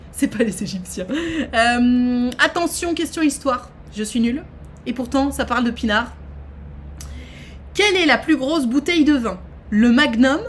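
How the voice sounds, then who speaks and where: A woman, hosting a trivia quiz on a live stream and chatting with her viewers in a lively, exclamatory way. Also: on the high side, a little hiss or hum. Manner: animated, exclaims and reads questions aloud to chat. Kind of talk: casual live-stream chat.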